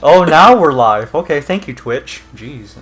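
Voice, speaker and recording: A man's voice: on the high side, lively intonation, measured pace, a bit bright. A man co-hosting a casual video game stream, joking around and playfully arguing. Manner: jokey, playfully argumentative. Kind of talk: casual gaming stream banter.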